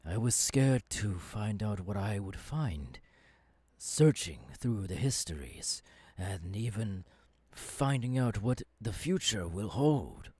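Man playing Professor Turo, mellow, dramatic futuristic scientist. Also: fairly low pitch, animated, slightly rough, no echo, full character voice. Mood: earnest, confiding. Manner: halting, dramatic delivery with pauses. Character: eager, kindly male futuristic professor mentoring a new apprentice. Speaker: voice actor, ASMR artist. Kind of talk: ASMR character roleplay.

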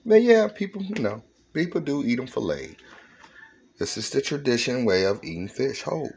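In his home kitchen beside a countertop fryer, a Southern man in his 40s runs a cooking channel, chatting playfully and repeating exclamations. His medium-pitched voice is creaky and a little mellow, with big pitch swings at normal speed. The poor recording carries some hiss or hum.

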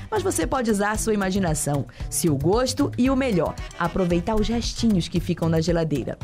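Echoey young woman hosting a cooking segment. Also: medium pitch. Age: young adult. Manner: chatty, expressive, addresses viewers with regional slang. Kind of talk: upbeat TV cooking presentation. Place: kitchen showroom, indoors. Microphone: lapel mic. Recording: echoey room with background music.

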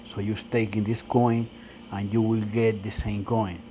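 A man with a slightly low voice talks slowly in non-native English, vlogging casually. He has an excited crypto-bro manner, punctuating his hype with "man." There is some background noise on the recording. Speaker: crypto video host. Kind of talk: casual screen-recorded vlog commentary. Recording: noisy phone screen recording.

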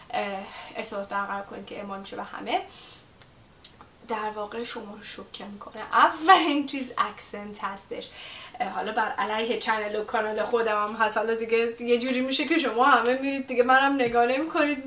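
A woman teaching online in a casual talk to camera, chatty and prone to digressions, mixing English words into her speech. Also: a bit bright. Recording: echoey room, mic far off, faint rumble.

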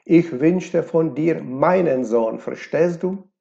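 A man voicing a drunk, bitter middle-aged husband who shouts and accuses in despair. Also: fairly high pitch, slow, vocal fry. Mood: shouting angrily. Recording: dull lo-fi recording.

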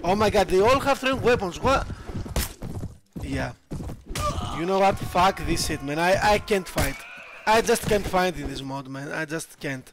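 A man's voice: sits high, expressive, unhurried, pauses often, noisy background. A man commenting casually on his gameplay, often frustrated and swearing as he plays. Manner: frustrated, swearing, laughing at himself. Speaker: gameplay streamer.

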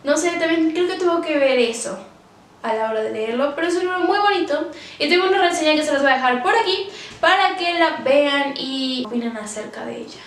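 High-voiced woman chatting about books in an echoey room. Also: lively intonation, a little fast, a bit bright. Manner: chatty and emotional, many fillers. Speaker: book vlogger. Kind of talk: casual book review vlog. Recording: roomy, distant from the mic.

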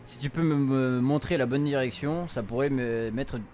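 This casual let's play features a young adult streamer who translates the game's lines and reads them out in slangy, offhand language. His mid-range voice has a darkish tone and a moderate pace. Video game music plays behind him, along with slight background noise.

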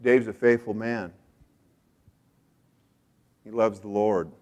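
Speaking slowly in a fairly low voice, an American man preaches as a pastor. He drives points home by repeating phrases, dropping to quiet asides before rising to loud, excited highs.

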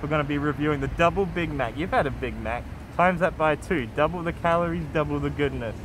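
A man's voice: fairly high pitch, fast talker. Young man talking through a face mask. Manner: upbeat, hyping. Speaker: food reviewer host. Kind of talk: casual food review vlog. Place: outdoors near traffic. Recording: noisy outdoor street recording.

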